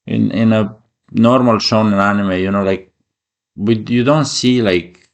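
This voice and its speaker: A man hosting a casual reaction video, excitable and swearing with lots of fillers. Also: on the low side, unhurried, vocal fry.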